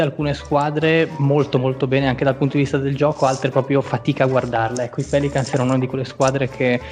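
A man co-hosting a basketball podcast, talking in a thoughtful way with fillers. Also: medium pitch. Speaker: podcast co-host. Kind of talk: casual basketball chat.

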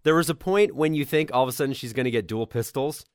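A man co-hosts a casual podcast with a nasal, congested voice, as if under the weather. His pitch is average for a man and the sound is dry and close. He chats in a joking, teasing way. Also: quick pace, clear, resonant tone, no echo. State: under the weather with a cold, occasional cough. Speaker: podcast co-host. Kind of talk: casual chat about video games.

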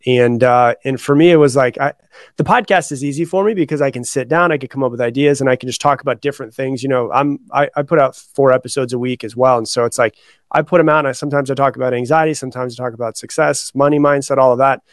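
A man's voice: mid-range voice, fairly even intonation, fast, no room sound, studio quality. A man chatting casually as a podcast guest, informal, repeating and rephrasing as he explains. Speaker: podcast guest, author and coach. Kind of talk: casual interview chat.

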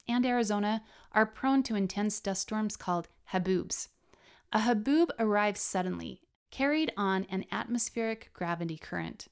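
A woman narrating her own memoir in a scripted audiobook style, with measured, expressive literary phrasing. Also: medium pitch, smooth.

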